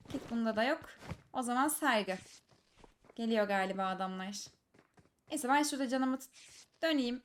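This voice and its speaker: A woman giving live commentary over her own mobile shooter match, teasing enemy players and breaking into excited shouts. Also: fairly high pitch, very noisy. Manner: teasing, talks to enemies, bursts of excited shouts. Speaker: gaming streamer. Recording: loud gunfire game audio behind. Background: game gunfire and clicks.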